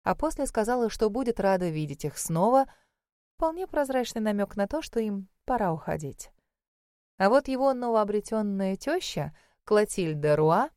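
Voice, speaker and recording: A woman reads an audiobook in a measured, expressive way at a middle pitch. The recording is close and completely dry. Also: no echo. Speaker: audiobook narrator. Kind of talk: scripted narration.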